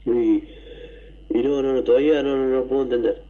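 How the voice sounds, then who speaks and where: A man with an Argentine accent, telling a story to a radio show, excited and rambling, with coughs and throat clearing. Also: medium pitch, normal speed, lo-fi sound. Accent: Argentine Spanish. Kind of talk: casual storytelling.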